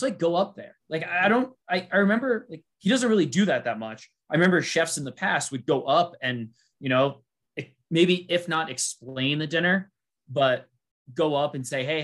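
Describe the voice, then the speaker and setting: A man co-hosting a casual chat, rambling through a recap with lots of fillers and restarts. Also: on the high side. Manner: rambling, filler-heavy, animated when quoting. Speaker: podcast co-host.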